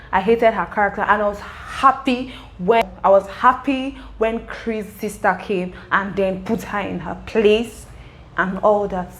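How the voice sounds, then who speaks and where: A woman's voice: mid-range voice, a little hiss or hum, low-quality recording. A young woman casually recapping a web series episode, talking straight to the characters. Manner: chatty, emotional asides to the characters.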